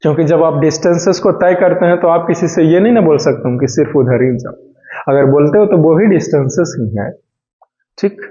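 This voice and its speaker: A man's voice: a little high, a little fast, warm tone. Chatty male science teacher, echoey room. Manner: chatty, mixing Hindi and English, asks and answers his own questions. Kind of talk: classroom lecture. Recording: echoey room, dull lo-fi sound.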